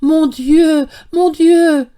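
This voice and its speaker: A woman voicing a flustered, joyful old man who stammers out high cries in an audiobook reading. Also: level tone, very slow, darkish tone, full character voice. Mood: overjoyed.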